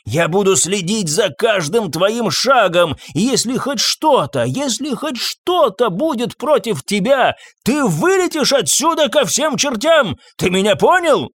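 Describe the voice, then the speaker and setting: A man voicing a furious, suspicious old landowner who shouts and hisses accusations at his servant. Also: fairly high pitch, takes it slowly, few pauses, no room sound, studio quality. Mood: accusing. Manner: shouting, hissing, enraged accusations.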